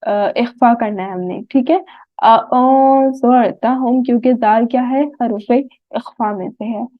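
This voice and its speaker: A Quran recitation teacher with a Pakistani Urdu accent gives a tajweed lesson, slowly sounding out Arabic words and often asking her students "right?" Her voice is fairly high, and the audio is dry and tinny like a phone, with no echo.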